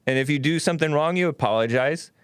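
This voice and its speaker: A man's voice: a little high, quick pace, clear, resonant tone, no room sound. A man hosting a call-in show, talking casually with callers.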